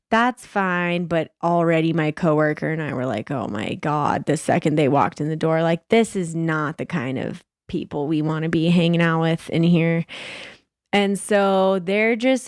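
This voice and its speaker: A woman's voice: lowish voice, smooth, dry recording, studio quality. A woman in her thirties, co-hosting a podcast, telling a story in casual chat, swearing freely and acting out the people she quotes. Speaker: podcast co-host. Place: podcast studio.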